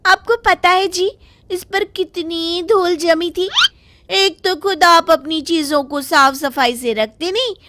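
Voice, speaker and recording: A woman's voice: very high voice, slow pace, background noise, voice pushed up. A woman voicing a naive but feisty young wife from a village in a cartoon story. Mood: defensive. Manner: indignant, bargaining. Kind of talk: cartoon voice acting.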